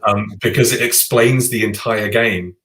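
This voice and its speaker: A man with a fairly low voice chats eagerly as a podcast co-host, often restarting his sentences. His voice bounces around a roomy, echoey space. The talk is loose and conversational. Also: a little slow, fairly bright tone. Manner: chatty and enthusiastic, with frequent restarts. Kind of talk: casual chat about board games. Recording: roomy echo.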